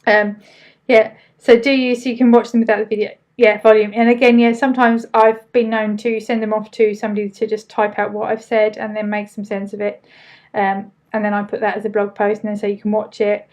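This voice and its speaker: This Essex-accented woman talks a little fast in a medium-pitched, darkish voice with little pitch movement. She hosts an easygoing live training, reading questions aloud and answering them informally with loose pronunciation.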